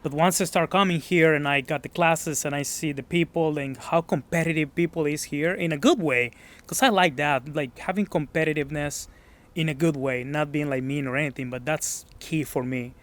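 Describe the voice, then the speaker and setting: A Mexican man whose first language is Spanish speaks English with a Mexican accent while being interviewed casually at his gym. His voice is fairly high and a bit bright, at a moderate pace, and he comes across as modest, searching for words.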